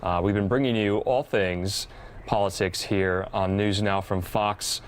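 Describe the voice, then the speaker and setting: A man anchoring live news in an ad-libbed, somewhat hesitant and halting way. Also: fairly low pitch, fairly even intonation, smooth.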